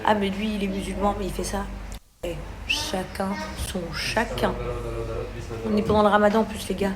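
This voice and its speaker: A woman's voice: medium pitch, steady tone, normal speed. A woman recording a rambling, indignant phone video at a doctor's office, full of hesitations. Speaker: social media personality. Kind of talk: selfie video message. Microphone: phone camera. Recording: loud background noise.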